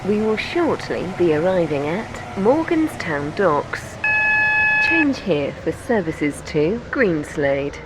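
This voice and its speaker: A woman voicing a slow automated train announcement. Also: on the low side, very animated, very noisy. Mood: formal. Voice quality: measured, formal announcer delivery. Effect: train announcement system voice.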